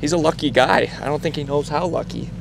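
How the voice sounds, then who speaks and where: Laid-back young male fishing buddy, gravelly voice, outdoor camera mic with clear background noise. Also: fairly high pitch, quick pace. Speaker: fishing partner. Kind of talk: casual chat. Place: outdoors on a frozen lake. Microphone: camera mic on the ice.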